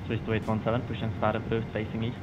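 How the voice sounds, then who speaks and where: Low flat radio voice of a man controller. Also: fast talker. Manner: calm, clipped, even delivery. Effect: radio transmission heard through a pilot's headset. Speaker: online air traffic controller. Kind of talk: radio phraseology. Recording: dull radio audio with loud noise.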